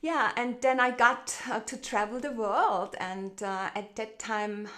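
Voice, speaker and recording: An Austrian branding expert, appearing as a guest over a video call, tells her story in a casual, conversational way. She sounds warm and reflective, with frequent fillers and restarts, speaking unhurriedly in a slightly high, steady voice.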